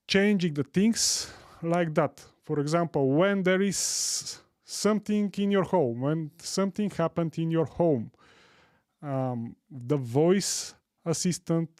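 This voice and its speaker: Slow-talking Bulgarian man hosting a stream. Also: fairly high pitch, darkish tone, dry recording, clean studio sound. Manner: enthusiastic, greets viewers from the chat, repeats himself. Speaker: live stream host. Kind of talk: live tech stream. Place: home studio room. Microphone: studio mic on boom arm.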